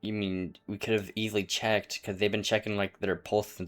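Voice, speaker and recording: A man's voice: fairly low pitch, level tone, normal speed. A man streaming a video game, chatting casually and reacting. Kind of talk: casual gameplay commentary.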